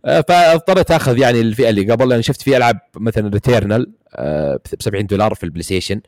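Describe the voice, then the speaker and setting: Rapid-talking Saudi man, dry sound. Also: fairly low pitch, expressive, darkish tone, no room sound. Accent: Gulf Arabic, Saudi. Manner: rapid, rambling, many fillers and restarts. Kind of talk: casual gaming chat.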